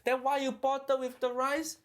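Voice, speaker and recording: A man's voice: very high-pitched, little pitch movement, normal speed. A man playing a brash middle-aged uncle food critic, mocking a cook in broken English with a put-on Chinese accent. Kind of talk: comedic cooking reaction.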